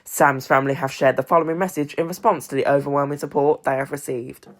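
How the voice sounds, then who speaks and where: A young British man reading an amateur news bulletin from a script in a measured, formal way. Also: medium pitch, fairly even intonation. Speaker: news presenter.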